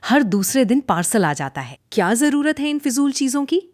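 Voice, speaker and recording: A woman putting on a nagging older mother-in-law from a cartoon, her voice pitched high and loud, sharp with taunts. The recording is dry and close. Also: very animated, normal speed, no echo. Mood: taunting. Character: stern scolding older Indian mother-in-law.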